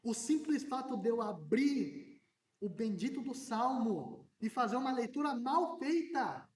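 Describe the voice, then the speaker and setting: A man preaching a sermon as a pastor, in an animated way that now and then breaks into shouting. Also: very high-pitched, a little slow. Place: church hall. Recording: echoey church hall, mic at a distance.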